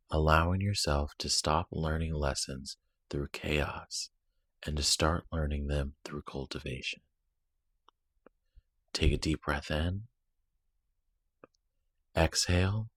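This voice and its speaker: A guided meditation is led by a man whose voice is extremely deep and husky. He's soothing and deliberate, leaving long pauses between short phrases. The recording is dry and close, free of any room sound.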